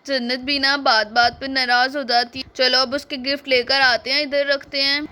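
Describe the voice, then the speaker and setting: A woman's voice: high-pitched, little pitch movement, normal speed, bright, forceful tone, clean tone, pitched below the performer's own voice. A woman voicing a joking, scheming older brother in a doll-play story. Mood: teasing. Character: teasing older brother, young man.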